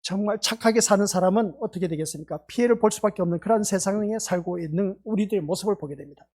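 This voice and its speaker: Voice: medium pitch, fast, darkish tone. A pastor giving an evening worship sermon, preaching fervently and pressing the congregation with rhetorical questions. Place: small church sanctuary.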